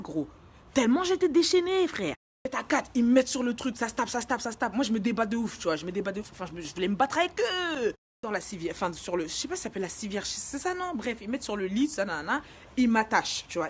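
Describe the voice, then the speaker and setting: A young woman telling a personal story in a casual, slangy vlog style, acting out the shouted moments as she goes. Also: mid-range voice, slight background noise.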